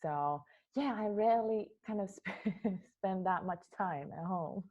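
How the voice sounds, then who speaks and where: This dull-sounding clip features a young woman from Finland, a dance artist with a Finnish accent, responding to interview questions about her dancing. Her medium-pitched voice has a darkish tone and a slightly slow pace, and she hesitates, repeating words as she gropes for what to say.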